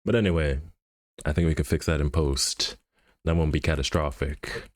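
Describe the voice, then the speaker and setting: A man's voice: very deep voice, fairly even intonation, moderate pace, no room sound, studio quality. A man streaming live, thinking aloud and muttering to himself as he edits an animation in a casual, laid-back way. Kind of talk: casual livestream commentary while animating.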